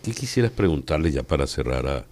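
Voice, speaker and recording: A man's voice: extremely low pitch, big pitch swings, a little fast, darkish tone. A man hosting a radio interview, asking playful, rambling questions. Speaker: radio host.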